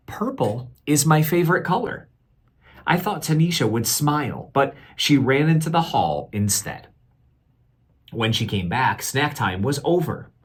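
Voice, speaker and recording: In a husky mid-range voice, a man reads a picture book aloud to young children like a teacher would. He is deliberate and expressive and pauses to ask them questions.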